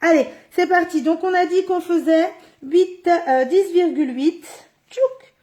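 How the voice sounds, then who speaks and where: A woman's voice: very high-pitched, unhurried, a little mellow. A middle-aged woman running a live card-making tutorial, chatty and thinking aloud as she works, filmed indoors on a phone on a stand. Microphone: phone or camera on a stand.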